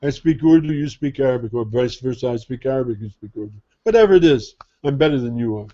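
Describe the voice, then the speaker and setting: Fast-talking and animated, this man preaches informally as a Sufi teacher in a mellow, mid-range voice. His delivery is conversational, peppered with rhetorical questions and impressions of how others think. The lo-fi recording sounds dull.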